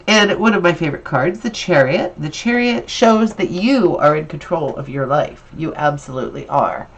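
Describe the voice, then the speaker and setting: A woman's voice: sits low, low-quality recording. A woman with a stuffy, nasal voice from allergies, giving an upbeat and encouraging tarot reading in a casual, chatty way. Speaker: tarot reader.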